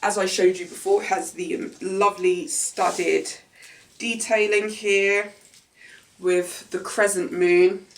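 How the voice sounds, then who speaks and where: A fashion vlogger, a young woman with a mid-range, nasal voice and fairly even intonation, speaks slowly through an unboxing and try-on video. She chats casually and with enthusiasm about each item in her hands, recorded in a small room.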